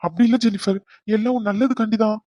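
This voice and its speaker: A man's voice: sits high, steady tone, quick pace, mellow, no room sound, muffled recording, pitched above the performer's own voice. A man doing a strained pleading old father. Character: older father, remorseful and pleading. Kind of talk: cartoon voice acting.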